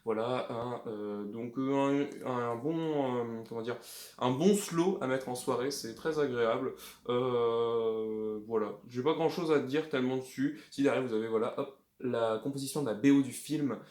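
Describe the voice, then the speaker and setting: A man's voice: mid-range voice, moderate pace, darkish tone. A man casually showing off his flea-market record finds, rambling with many hesitations and plain enthusiasm. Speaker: record collector vlogger. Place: indoors at home. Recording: echoey room.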